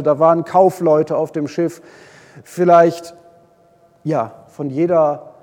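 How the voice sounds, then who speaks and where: A man preaching a sermon, retelling a Bible story with lively swings between loud and hushed delivery. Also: on the high side. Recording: long hall reverb.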